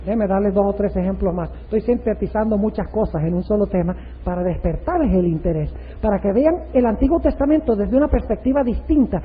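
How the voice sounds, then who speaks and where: A man's voice: sits high, brisk, hardly any pauses, slight background noise. A male pastor preaching a sermon, emphatic and full of rhetorical questions. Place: church. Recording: tinny, echoey hall, radio-like.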